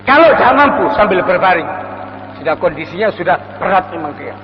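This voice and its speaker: An older man with a high, sing-song voice preaches a dawn sermon fairly quickly, telling stories and acting out the voices of the characters in them. It's a lo-fi recording in a reverberant hall with faint noise.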